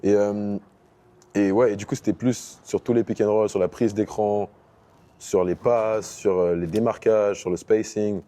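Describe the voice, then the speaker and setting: Answering interview questions in a relaxed way, a young Parisian basketball player gradually works English basketball terms into his speech. He talks at a measured pace, his fairly low, mellow voice keeping a fairly even intonation.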